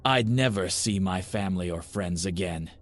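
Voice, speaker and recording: A man reading a scripted first-person horror story in a measured, somber way, and hosting the show. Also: low voice. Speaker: horror story narrator and host.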